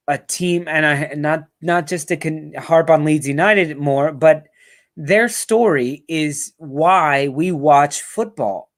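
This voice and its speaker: A man's voice: on the high side, fairly bright tone. Profane, rambling male fan-show host. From New Orleans area, United States. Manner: profane, rambling, reads viewer comments aloud. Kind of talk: casual live-stream chat.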